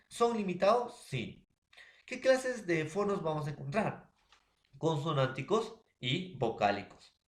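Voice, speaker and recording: Peruvian man teaching a lesson, echoey. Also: on the high side. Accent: Peruvian Spanish. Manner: asks and answers his own questions, tags lines with "¿ya, jóvenes?". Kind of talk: recorded classroom lesson.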